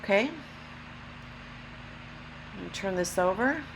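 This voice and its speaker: A woman with a gravelly, allergy-affected voice talks casually and unhurriedly through a craft demonstration, explaining each step carefully. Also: medium pitch, slow. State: allergy-affected voice, throat clearing. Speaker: craft tutorial host. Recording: steady background hum, lawnmower noise. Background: lawnmower and hum.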